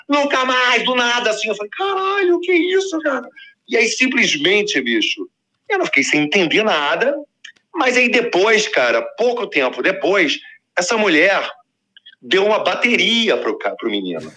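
A man telling a long personal story in a casual, slangy way, acting out the voices of the people in it. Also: high voice. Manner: animated, slangy, acts out quoted voices.

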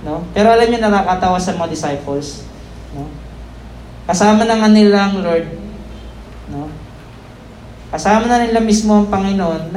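A preacher giving a conversational Sunday sermon, tagging phrases with quick questions to the congregation, mixing in English words and laughing off their own slips. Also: mid-range voice, darkish tone, reverberant, a little hiss or hum, rough recording. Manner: tags nearly every phrase with "no?" and "di ba?"; stumbles, self-corrects and laughs at own slips.

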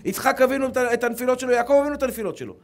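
High-voiced emphatic male preacher. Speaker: rabbi giving a Torah lesson. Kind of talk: religious sermon.

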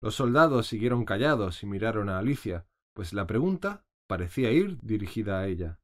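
A man narrating a storybook audiobook in an expressive reading voice. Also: on the low side, brisk.

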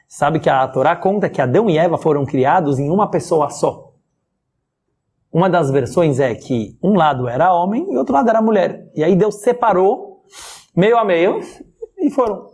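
A man with a Brazilian Portuguese accent gives a spoken religious lesson as a rabbi. His voice is a little husky, and his pitch rises and falls a lot. He keeps asking rhetorical questions and often breaks into a chuckle. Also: darkish tone. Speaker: rabbi teaching a class.

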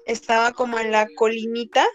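A woman in a casual chat, reacting to a story and telling one of her own, unhurried, with slang asides. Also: on the high side, little pitch movement, lo-fi sound, faint music behind.

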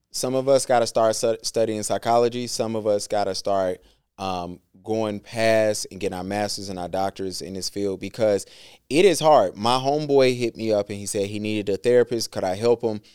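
A man co-hosting a podcast in casual chat, laid-back with lots of slang and shout-outs. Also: fairly low pitch, normal speed, clear, resonant tone, no room sound, clean studio sound. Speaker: podcast co-host.

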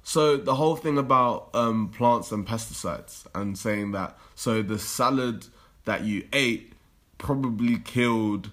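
A young man in a casual debate, explaining his view in a halting, informal way. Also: medium pitch, fairly bright tone.

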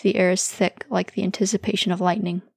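A woman calmly reading fan fiction aloud as the narrator. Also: mid-range voice, fast, gravelly, slightly rough, dry recording, studio quality.

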